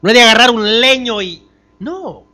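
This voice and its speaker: An animated male pastor preaches a sermon at a moderate pace inside a church. He asks the congregation rhetorical questions, his voice swinging from loud emphasis down to soft, low tones.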